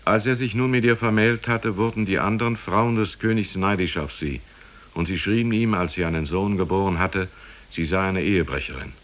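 For a 1950s German radio play, a man with a low, slightly bright voice plays a grave narrator. His telling of an ancient parable is solemn, formal and carefully measured.

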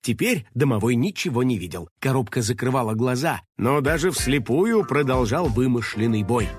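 A man narrating a children's story in a lively, playful way. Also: medium pitch, moderate pace, faint music behind.

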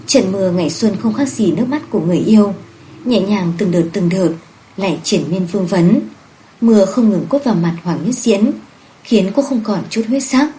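A woman reading a romance novel aloud in steady, even scripted narration. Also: mid-range voice, rough recording. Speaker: audiobook narrator.

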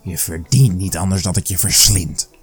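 A man's voice: fairly low pitch, lively intonation, measured pace, breathy edge, soft background music, heavily acted. A man voicing a greedy, hot-tempered male tiger who threatens and bosses, in a storybook reading. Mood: threatening. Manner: threatening and bossy.

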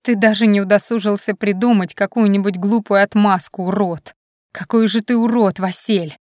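Reader doing a heartbroken angry young woman, sharp emotional outbursts, mid pitch, dry close. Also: fairly even intonation, normal speed, dry recording, lightly acted. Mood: bitter. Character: hurt, furious young woman, heroine.

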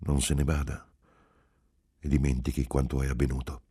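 A man reading aloud voices a scornful, sharp-tongued married woman with an insultingly polite, imperious manner. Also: flat delivery, moderate pace, breathy edge, full character voice. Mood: coaxing. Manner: insulting politeness, shrill when triumphant.

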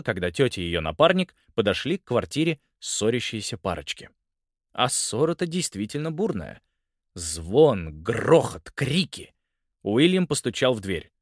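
A man narrating a children's audiobook in a lively, expressive reading. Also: medium pitch, no echo, studio quality.

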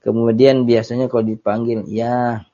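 A man gives a casual Islamic study lecture, explaining Arabic text phrase by phrase in a chatty way with small laughs. The religious teacher's mid-range voice is warm and a little slow, captured in a dull lo-fi recording.

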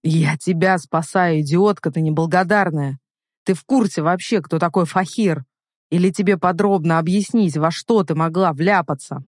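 Man doing a possessive, domineering lover; slow, forceful, dry close sound. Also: a little high, no room sound, close to an everyday voice. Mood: angry.

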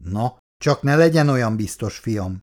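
A man's voice: mid-range voice, lively intonation, darkish tone, close to an everyday voice. A man reading aloud as a proud, stubborn old factory worker. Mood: gruff. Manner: gruff and indignant.

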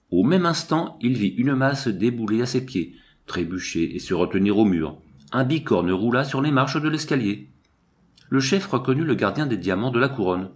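A man narrating an audiobook with expressive storytelling. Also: medium pitch. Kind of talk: scripted narration.

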